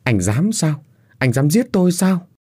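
A man's voice: on the high side, sing-song, unhurried, dark tone, slightly rough, no room sound, clean studio sound, voice pushed up, heavily acted. A man voicing a desperate, heartbroken young wife who pleads through tears. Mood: pleading, tearful. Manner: tearful pleading, raised voice.

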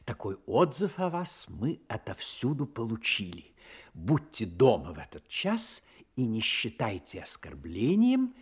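An actor playing an earnest, sensitive gentleman doctor, a detective's companion, speaking formally and expressively in a Russian radio play. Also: lowish voice, wildly swooping pitch, unhurried, slightly rough, exaggerated voice. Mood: reading aloud.

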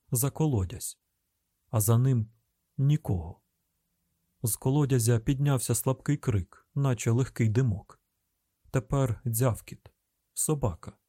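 A man with a Ukrainian accent narrating an audiobook in a tense, measured storytelling manner. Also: medium pitch, mellow, no echo, clean studio sound. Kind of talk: scripted narration.

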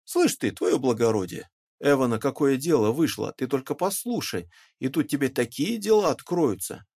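A man voicing a loud, indignant peasant who rants and shouts about being wronged, in an audiobook. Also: medium pitch, big pitch swings, normal speed, pitched above the performer's own voice. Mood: aggrieved. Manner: shouting, ranting, bitter. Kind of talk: audiobook character reading.

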